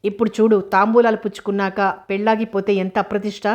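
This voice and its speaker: A woman's voice: mid-range voice, level tone, fast talker, a little mellow, natural voice. A woman reading the lines of a grumbling young man, a younger brother in a storybook.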